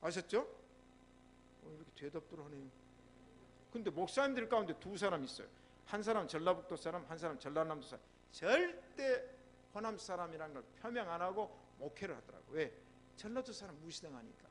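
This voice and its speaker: A man's voice: a little high, big pitch swings, fairly quick, a little hiss or hum. A man with a Jeolla accent preaching a sermon as pastor, telling stories and prompting replies from the congregation. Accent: Jeolla Korean. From Jeolla, South Korea. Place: church sanctuary.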